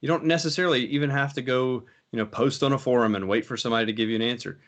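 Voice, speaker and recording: A man's voice: medium pitch, rapid-fire, a bit bright. A man hosting a casual tech talk show, rambling and often correcting himself as he chats. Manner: rambling, self-correcting, laughs easily. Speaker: show host.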